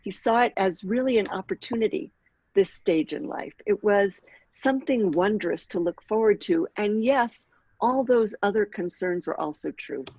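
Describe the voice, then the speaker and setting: A woman in her sixties gives a workshop talk in a measured, unhurried way, clearing her throat from time to time. Her voice is of middling pitch, and the recording sounds a little dull and dry. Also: animated, a little mellow, dry recording. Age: 60s. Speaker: workshop leader and author. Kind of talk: workshop talk with read-aloud passage.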